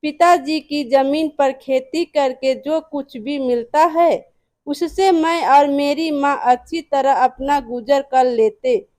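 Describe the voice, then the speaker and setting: A woman's voice: high-pitched, takes it slowly, darkish tone, no room sound, studio quality. A woman voicing a simple, honest, poor young village man who speaks earnestly and hopefully.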